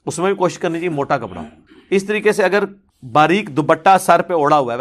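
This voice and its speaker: Religious teacher, male, Pakistani Urdu accent, fairly high voice, explains with animated stress and asides. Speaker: religious scholar answering questions. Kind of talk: lecture answering audience questions.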